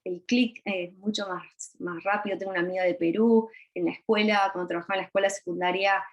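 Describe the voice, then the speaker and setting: A woman's voice: mid-range voice, fairly even intonation, a little fast, dull audio. A woman in her thirties from Argentina with an Argentine Spanish accent, speaking as a panelist on a video call, shy and hesitant with many fillers. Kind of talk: virtual panel talk.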